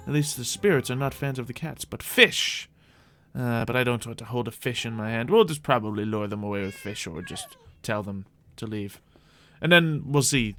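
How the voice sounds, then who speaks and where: A man with a medium-pitched, fairly bright voice hosts a game roleplay livestream. Staying in character, he rambles whimsically about the gameplay and addresses his audience with theatrical flair.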